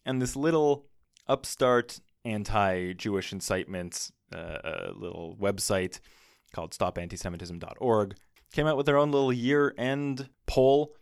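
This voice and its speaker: A man's voice: lowish voice, unhurried, smooth, no room sound. A man co-hosting a podcast, chatting casually with a dry, wry manner and reading old archive clips aloud. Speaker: podcast co-host.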